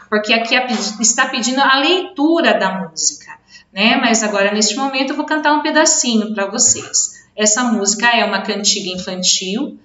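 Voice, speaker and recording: A Brazilian Portuguese-speaking woman teacher giving a video lesson to children, explaining patiently, repeating words slowly and stressing their syllables. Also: fairly high pitch, fairly bright tone. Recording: echoey room, dull lo-fi sound.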